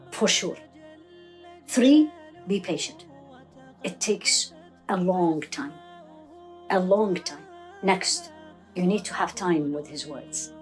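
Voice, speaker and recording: A middle-aged woman from Iraq giving religious advice in an interview, earnest and fond of rhetorical questions. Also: mid-range voice. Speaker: guest speaker, Islamic teacher.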